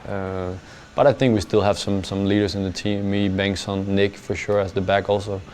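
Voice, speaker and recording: A male football player with a low, flat voice gives answers in a post-match interview, with a slight hiss or hum in the background. He speaks haltingly, repeating words and filling pauses with lots of "uh." His delivery is plain and measured, and his phrases trail off softly.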